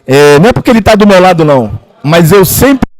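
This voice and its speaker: A man's voice: high-pitched, very animated, brisk. A man, hosting an interview in a restaurant and asking long run-on questions. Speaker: host.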